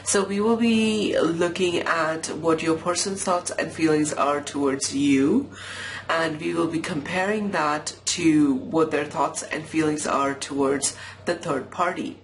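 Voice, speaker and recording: A woman's voice: low-pitched, unhurried, slight background noise, poor audio. A woman with a cold and a nasal voice, chatting casually through a tarot reading with many fillers. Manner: chatty, filler-heavy, apologetic. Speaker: tarot reader. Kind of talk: casual pick-a-pile tarot talk.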